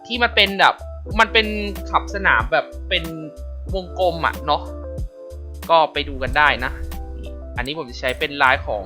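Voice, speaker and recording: A man giving casual racing game commentary, chatty and polite as he explains, then bursting into loud excited exclamations. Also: on the high side, moderate pace. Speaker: gameplay commentator. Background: racing game music.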